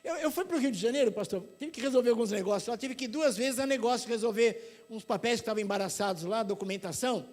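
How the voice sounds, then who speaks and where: Pregador paulista de voz bem aguda. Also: male voice, very high voice, fast talker. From São Paulo, Brazil. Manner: animated storytelling, acts out voices. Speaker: preacher. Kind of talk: sermon.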